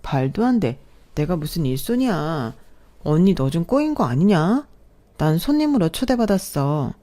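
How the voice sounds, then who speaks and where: A woman's voice: on the low side, sing-song, moderate pace, warm tone. A woman voicing a young bride-to-be who protests indignantly in quoted dialogue within her own story.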